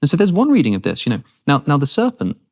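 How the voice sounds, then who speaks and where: A man's voice: a little high, huge pitch swings, fast, a little mellow. A man speaking as a guest in a long-form conversation, thinking aloud earnestly with frequent restarts.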